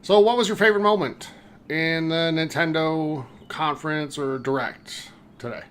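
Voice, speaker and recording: A man's voice: a little high, normal speed, a bit bright, a little hiss or hum. A man hosting a casual podcast chat, upbeat, leading the talk and putting questions to his co-hosts. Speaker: podcast host.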